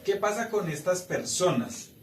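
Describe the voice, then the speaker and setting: A man leads a Bible teaching with a fairly high voice for a man. He keeps checking in with the group as he goes. The sound is roomy and picked up from across the room. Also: sing-song, a little slow, far from the mic, faint music behind. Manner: asks the room for agreement often. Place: church meeting room.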